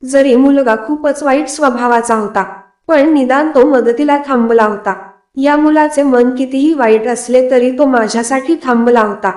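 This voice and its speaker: A woman narrating a first-person story in a steady, confiding way. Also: high-pitched, normal speed. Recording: echoey room.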